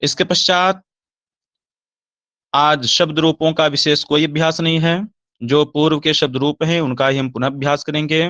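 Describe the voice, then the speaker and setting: A man teaching Sanskrit grammar, slowly reciting verb forms in a recorded lesson, with a Hindi accent. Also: on the high side, little pitch movement, a bit bright, dry recording.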